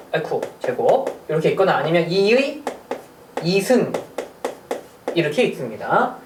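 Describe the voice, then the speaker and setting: A teacher talks through a math lesson with a voice that swings lively up and down, throwing out questions and little jokes. The sound is roomy, picked up from a little distance. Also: mid-range voice, slight background noise. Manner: chatty, asks rhetorical questions, small jokes. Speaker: middle school math teacher. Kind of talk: recorded online math lecture.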